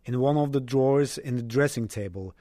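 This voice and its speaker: A man's voice: medium pitch, brisk, dark tone, dry recording, lightly acted. A man reading as an anxious woman in love. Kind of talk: reading aloud from a novel.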